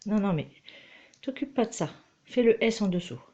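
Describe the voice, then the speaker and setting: A woman's voice: mid-range voice, animated, normal speed, dark tone, breathy edge. A woman teaching her child to read at home, patient and coaxing, recorded on a dull, lo-fi mic. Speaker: homeschooling mother. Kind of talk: reading lesson with a child.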